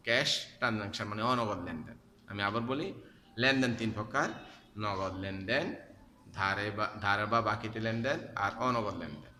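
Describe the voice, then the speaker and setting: A man teaching an accounting class, asking students questions and repeating key terms slowly so they stick. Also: mid-range voice, pushed and bright. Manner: addresses students directly with questions. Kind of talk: classroom lecture. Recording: echoey hall with faint background noise.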